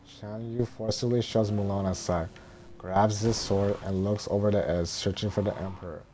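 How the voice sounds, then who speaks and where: Male script reader, low and dark, monotone droning delivery, halting, slightly noisy recording. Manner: halting, stumbling over words. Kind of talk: scripted narration, reading a film script.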